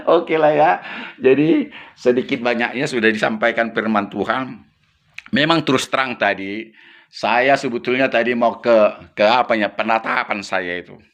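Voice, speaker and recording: Bright-voiced, chatty male pastor. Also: medium pitch, normal speed. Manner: chatty, laughs often, acts out quoted speech. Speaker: missionary pastor. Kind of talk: casual storytelling chat.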